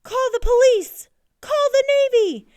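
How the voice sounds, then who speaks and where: A woman's voice: very high-pitched, expressive, unhurried, a little mellow, pitched above the performer's own voice. A woman voicing a panicked male swim coach who bellows and shrieks.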